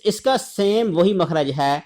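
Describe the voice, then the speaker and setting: Man, from Pakistan, Quran tajweed teacher, slightly high voice, slow deliberate syllable drills. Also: expressive, darkish tone. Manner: slow, deliberate repetition of syllables, chanted recitation examples. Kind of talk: tajweed lesson, drilling letter sounds.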